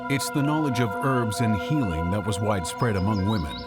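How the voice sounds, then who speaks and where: A man's voice: fairly low pitch, lively intonation. Man narrating a documentary. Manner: measured and explanatory. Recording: music bed behind.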